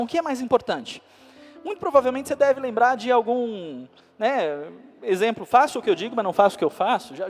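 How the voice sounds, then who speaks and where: High-voiced preacher in an echoing hall. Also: male voice. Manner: animated preaching with rising emphasis. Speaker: pastor. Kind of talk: sermon. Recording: long hall reverb with faint music.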